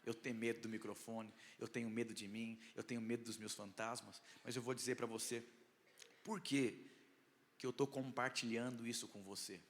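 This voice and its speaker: A Brazilian man delivers a sermon as a pastor, his articulation a little tongue-tied. He speaks at a middling pitch, with dramatic pauses and emphatic swells. The sound carries a long reverb, as in a big hall. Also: steady tone, a little hiss or hum. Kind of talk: sermon, preaching with personal testimony.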